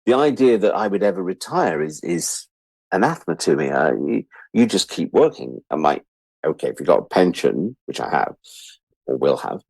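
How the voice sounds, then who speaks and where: The low-pitched voice swings widely in pitch at normal speed, sounding creaky, darkish and slightly rough in a low-quality recording without room sound. The speaker is a British man of about sixty, a freelance media producer on an interview, casual and reflective, candid and wry, who repeats words for emphasis.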